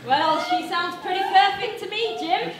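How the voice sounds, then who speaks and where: A woman's voice: very high voice, lively intonation, normal speed, a crowd in the background. A woman playing a brash, cheeky dating show host in a stage comedy sketch, announcing in a showy, teasing way. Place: small brick-walled indoor stage. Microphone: camera at a distance. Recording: echoey noisy live stage recording.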